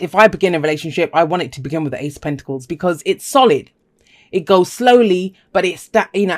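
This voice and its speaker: Casting: upbeat tarot reader, talks straight to the viewer, chatty and emphatic, repeats words for stress. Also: medium pitch. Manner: enthusiastic, emphatic repetition, chatty asides. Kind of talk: casual spoken tarot reading to viewers.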